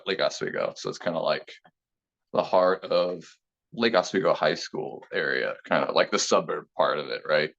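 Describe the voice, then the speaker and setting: A man's voice: deep voice, vocal fry. A man in his thirties, originally from Taiwan, talking casually and at length as an interview guest, with many fillers. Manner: relaxed, rambling, many fillers. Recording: slightly dull lo-fi sound.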